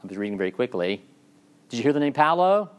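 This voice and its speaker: A man's voice: medium pitch, very animated, fast. A man giving a classroom lecture in a discursive way, with frequent fillers and restarts, often checking in with the class.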